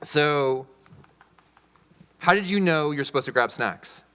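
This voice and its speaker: A man leading a critique discussion as instructor, talking haltingly with many fillers and restarts. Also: a little high, expressive, fairly bright tone, smooth. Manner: hesitant, filler-heavy, restarting phrases. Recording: hall reverb.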